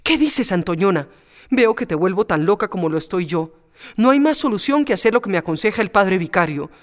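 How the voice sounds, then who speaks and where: A man's voice: sits high, lively intonation, brisk. A man reading a storybook aloud and voicing a young widow torn by love, pleading and impassioned. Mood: despairing.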